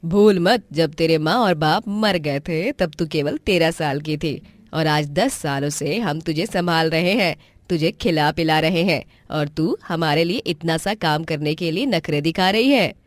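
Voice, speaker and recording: A woman voicing a cruel, harsh middle-aged aunt who scolds slowly. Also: low voice, no room sound, clean studio sound. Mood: scolding.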